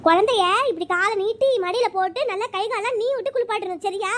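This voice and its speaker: A performer voicing a bossy older woman in a cartoon, nagging and scolding in quick sharp retorts. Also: very high-pitched. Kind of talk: cartoon voice acting.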